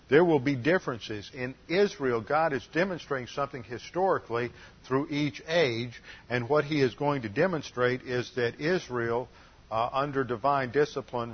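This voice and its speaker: A man teaching an expository sermon in an earnest, emphatic way, often pausing with uh. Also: mid-range voice. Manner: earnest, emphatic, with frequent uh pauses. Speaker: Bible teacher. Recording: dull lo-fi recording.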